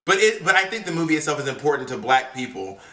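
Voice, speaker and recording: An American man co-hosting a podcast in casual chat, animated and profane, acting out the people he quotes. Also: on the high side, fast talker. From United States. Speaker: podcast co-host. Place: home in California, remote call. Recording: echoey room.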